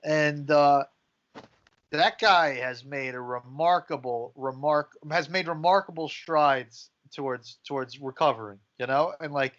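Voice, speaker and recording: A man's voice: fairly high pitch, measured pace, a bit bright. A man co-hosting a sports podcast in casual banter, talking like a blunt, swearing frat bro. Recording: muffled lo-fi audio.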